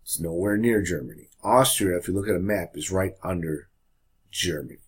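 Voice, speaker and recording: A man teaching a high school history lesson in a casual, chatty way, often checking in with the class. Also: normal speed, husky. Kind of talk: classroom lecture.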